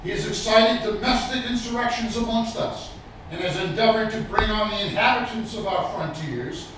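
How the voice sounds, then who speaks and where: A man giving a formal public recitation of a historical declaration in a lofty, stately manner with deliberate pauses. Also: sits high, a bit bright. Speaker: public reader at a commemorative event. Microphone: distant microphone. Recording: distant, very echoey, some background noise.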